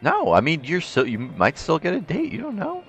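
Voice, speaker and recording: A man's voice: fairly high pitch, huge pitch swings, moderate pace, gravelly, a bit bright, soft background music. A man streaming a game, joking and exclaiming as he reads the game text aloud. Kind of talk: let's play commentary and game text reading.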